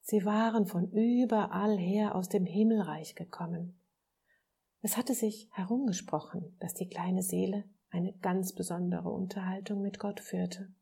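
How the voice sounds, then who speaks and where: Soft, slow woman reading a story aloud. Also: medium pitch, steady tone, gravelly, slightly rough. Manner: soft, slow, hushed reading with voiced characters. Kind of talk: scripted story narration.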